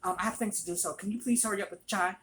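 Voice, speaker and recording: A storyteller voicing a pushy, rushed woman customer who stammers and repeats herself in a hurry. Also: medium pitch, fairly even intonation, fairly bright tone, slight background noise, voice pushed up, close to an everyday voice. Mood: impatient.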